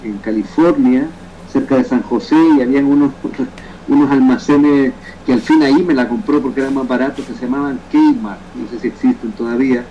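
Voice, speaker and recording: A man in his fifties from El Salvador with a Salvadoran Spanish accent, speaking as an interview guest in a reflective, halting way with frequent restarts. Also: mid-range voice, steady tone, muffled recording, crowd noise. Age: 50s. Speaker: guest, photographer and poet. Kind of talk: remote interview conversation.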